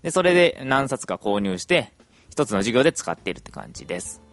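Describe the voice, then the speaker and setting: Young male podcaster, casual and talkative, very animated pitch, soft music in the background. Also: quick pace, no room sound. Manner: chatty, lively intonation, many fillers.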